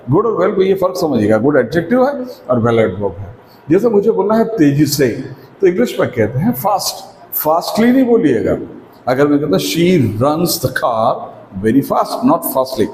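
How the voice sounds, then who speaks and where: A man with an Indian accent teaching a spoken English lesson, explaining step by step and often asking if it is clear. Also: medium pitch, a little mellow, slight background noise. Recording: echoey room with long reverb.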